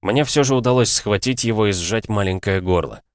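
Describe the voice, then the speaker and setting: Brief: male audiobook narrator, deep, measured dramatic delivery, dead studio sound. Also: smooth, no room sound.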